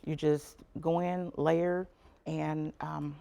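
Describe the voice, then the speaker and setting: A woman speaking as a restaurant manager in a casual cooking interview, haltingly and repeating herself. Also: deep voice, level tone, vocal fry, mellow, clear, resonant tone, highs cut off.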